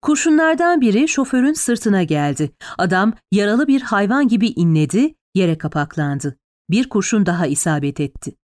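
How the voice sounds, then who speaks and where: A woman's voice: mid-range voice, big pitch swings, normal speed, darkish tone, dry recording, clean studio sound. A woman narrating a tense, dramatic audiobook.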